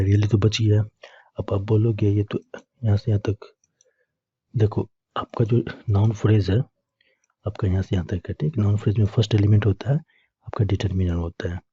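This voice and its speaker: Low husky man teaching grammar. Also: mellow, no echo, lo-fi sound. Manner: repeats questions to students and answers them himself. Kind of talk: explaining a grammar lesson.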